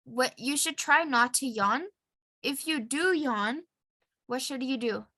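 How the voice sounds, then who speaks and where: A woman's voice: high-pitched, slow, pushed and bright, no echo, low-quality recording. A young woman teaching an online class over a video call, patiently having students repeat phrases after her.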